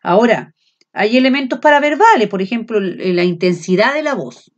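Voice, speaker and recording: A woman's voice: fairly high pitch, animated, normal speed. Chilean woman teacher, lo-fi lecture. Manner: frequent checks of "¿ya?" and fillers; speaks loud without shouting. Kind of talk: classroom lecture.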